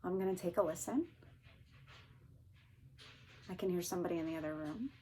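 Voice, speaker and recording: A woman therapist calmly and gently guiding listeners through a grounding exercise. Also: lowish voice, brisk, slight background noise. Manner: calm, gently instructing. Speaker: therapist teaching a technique. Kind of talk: calm guided grounding exercise.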